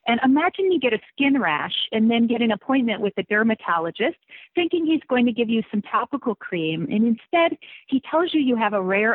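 Husky woman on an echoey phone line. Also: medium pitch. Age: 40s. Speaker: interview guest, author and musician. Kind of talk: prepared personal account in an interview. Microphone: telephone.

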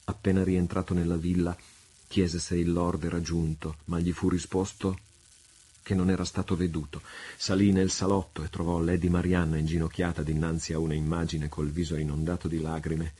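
Guy reading an old adventure book, husky and deep, steady dramatic telling. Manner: measured, dramatic storytelling. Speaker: audiobook reader. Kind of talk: literary reading.

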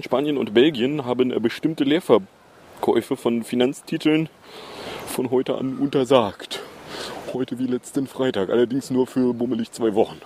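A man hosting a solo podcast in a casual, sarcastic way, often stopping on fillers. His pitch swings widely, and a faint noise hums behind him. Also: dark tone. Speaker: podcast host.

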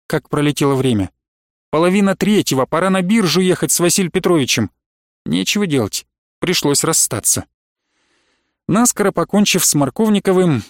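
Male audiobook reader, measured, fairly high voice, dry close recording. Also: no echo. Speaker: audiobook narrator. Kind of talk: scripted narration.

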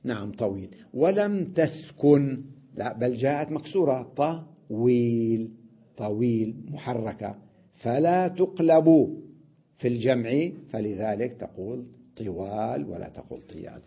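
Man, grammar teacher, husky voice, muffled lo-fi recording, patient step-by-step explaining. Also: medium pitch, moderate pace. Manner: explains step by step, repeats words, checks with "right?".

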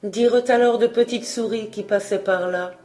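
A woman reading a fairy tale aloud as an audiobook narrator, calm and measured. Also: mid-range voice. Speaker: audiobook reader.

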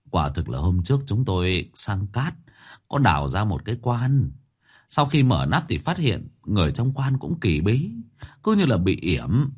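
A nervous village father, voiced by a man, answers humbly, stumbling over his words. His voice is husky and lively in pitch. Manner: deferential, hesitant, stammering.

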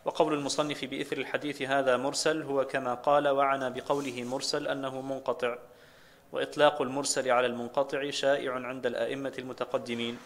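Flat-voiced man reading a religious text. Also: mid-range voice, fast talker. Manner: steady recitation of quotes and chains of names. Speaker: student reading the text aloud.

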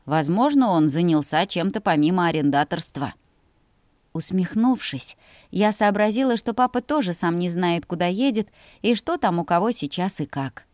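A woman reading a first-person fantasy audiobook in a lively, expressive way. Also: medium pitch, no echo, studio quality. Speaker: audiobook narrator. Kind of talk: scripted first-person narration.

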